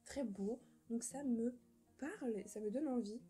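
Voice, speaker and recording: A woman's voice: on the high side, unhurried, warm tone, faint music behind, rough recording. A young woman chatting casually about books she plans to read, rambling and joking at herself, with many fillers and restarts. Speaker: book vlogger. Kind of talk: casual chat.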